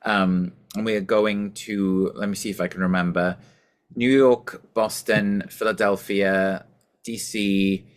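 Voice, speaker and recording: Welsh-accented man, low chatty voice. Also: level tone, a little slow, clear, resonant tone. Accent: softened Welsh. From Wales. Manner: chatty, self-deprecating, frequent fillers. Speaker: musician guest. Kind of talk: casual interview chat.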